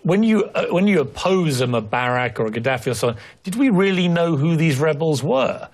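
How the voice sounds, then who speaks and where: A man's voice: fairly high pitch, very animated, fairly quick. A man interviewing a guest on TV, pressing him with pointed, challenging questions. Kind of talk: confrontational TV interview.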